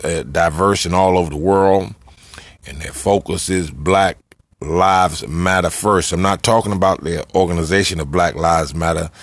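An American man hosting a show and addressing listeners in a solemn, measured, emphatic way, like an unhurried rally speech. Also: low-pitched, no room sound. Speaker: radio show host and community activist.

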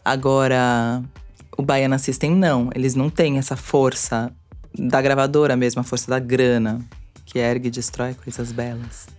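A woman with a low voice talks in a casual interview. She is a radio presenter speaking as a guest, informal and self-deprecating in the way she tells things. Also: flat delivery, normal speed, darkish tone, faint music behind. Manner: informal, self-deprecating, uses playful mimicked quotes. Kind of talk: casual chat.

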